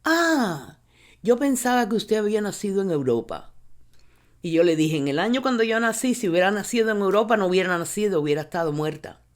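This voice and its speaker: In a mid-range voice that runs a little fast, an older Cuban university professor reflects on her personal history during an interview. She gets animated while retelling, restarts words many times, and drops in English phrases.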